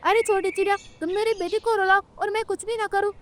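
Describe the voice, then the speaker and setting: Brief: woman voicing a loud, bossy mother crow for a cartoon, very high voice, faint hiss behind. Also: fairly even intonation, fast talker. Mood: angry. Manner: scolding, threatening. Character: hot-tempered mother crow, loud and threatening.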